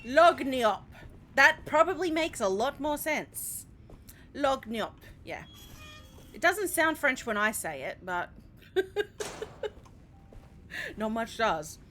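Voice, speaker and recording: A young Australian woman reacts live to a game she is streaming, her voice sitting slightly high and leaping up and down. She talks in an animated, unfiltered way, swearing freely. A faint hum sits behind her. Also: slow, long pauses. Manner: animated, swears and laughs often.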